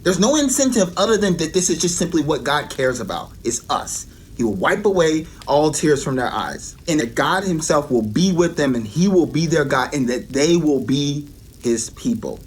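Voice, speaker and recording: A man's voice: a little high, animated, normal speed, slight background noise. Earnest man giving devotional teaching. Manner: earnest, emphatic repetition.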